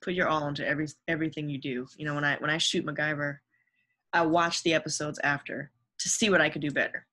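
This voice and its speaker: A woman's voice: low-pitched, steady tone, fast talker, pushed and bright. A young adult woman, a guest on a podcast, talking casually and earnestly about her career and giving upbeat advice. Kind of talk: casual interview chat.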